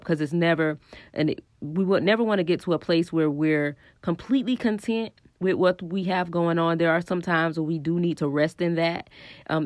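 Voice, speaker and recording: Sitting low and a little mellow, this woman's voice comes through in studio quality without room sound. She hosts a casual solo podcast about spiritual growth while battling a stuffy nose and scratchy throat, thinking aloud with frequent ums in an earnest, encouraging way.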